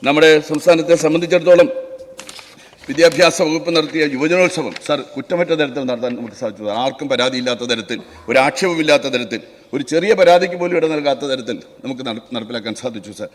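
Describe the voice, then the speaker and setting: A man's voice: a little high, fast, long reverb tail. A man giving an emphatic speech on an assembly floor, repeatedly addressing the chair as sir, into a desk microphone. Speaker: legislator. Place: large legislative assembly hall.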